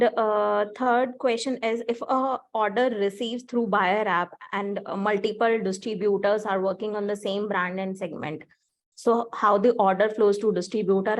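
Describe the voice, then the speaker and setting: A woman with an Indian accent puts questions to a presenter in an informal discussion. Her voice is at a medium female pitch. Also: steady tone, normal speed. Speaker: audience participant asking questions.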